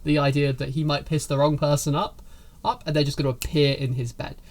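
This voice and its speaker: A man's voice: a little high, fairly even intonation, a little fast. A man running a tabletop game as game master, describing scenes in a rambling way with many fillers.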